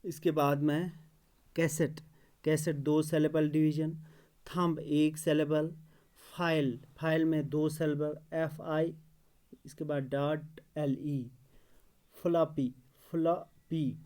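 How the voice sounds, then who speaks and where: A man's voice: a little high, mellow. A male teacher explaining a classroom lesson, repeating words and spelling them out letter by letter, praising students in passing.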